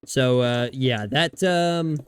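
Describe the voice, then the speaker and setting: He takes it slowly, his voice smooth and medium in pitch. While gaming on a livestream, he talks casually with viewers in a rambling way, swearing frequently and backing up to restart his sentences.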